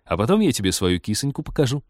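A man voicing a sly, flirtatious male pilot in a storybook reading, speaking low and smooth. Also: sing-song, fast talker, dry recording, studio quality. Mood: coaxing.

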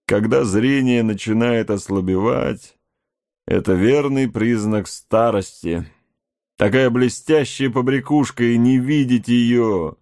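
A man reading aloud voices an aging frontier scout, shrewd and steady, speaking in a deliberate, musing way. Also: mid-range voice, dry recording, studio quality.

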